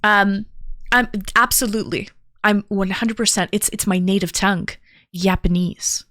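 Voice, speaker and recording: A talkative woman who calls herself a yapper chats casually on a live stream, cheerfully greeting viewers one at a time. Her mid-range voice is steady and fairly bright, moving at a normal speed. The audio is studio quality with no room sound.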